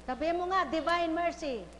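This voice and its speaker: High-voiced woman faith healer, slow and teasing. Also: long reverb tail, very noisy. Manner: playful and teasing, short repeated questions. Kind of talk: live healing session, questioning a patient.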